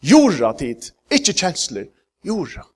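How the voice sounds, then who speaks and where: A man's voice: a little high, wildly swooping pitch, breathy edge. Emphatic preacher, man. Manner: halting with many fillers, rising to emphatic peaks. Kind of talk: sermon.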